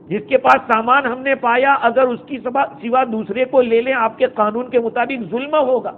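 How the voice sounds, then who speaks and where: A man recites Arabic verses and then unpacks them in a storytelling lecture. His voice sits high, and the recording is thin and phone-like with a faint hiss. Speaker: Islamic scholar giving Quran commentary. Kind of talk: Quran exegesis lecture.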